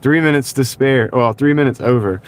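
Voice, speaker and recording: Sitting in his car at night, a man hosts a casual livestream, rambling through viewer comments, reading them aloud and chuckling a lot. He talks a little fast in a mid-range voice that sounds congested, nasal and slightly rough, captured on a wireless clip-on mic.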